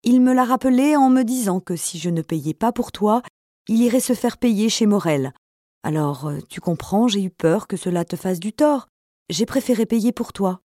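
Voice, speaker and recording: A woman voicing an elderly, poor and gentle father who talks softly and humbly. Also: medium pitch, expressive, moderate pace, no echo, clean studio sound, lightly acted.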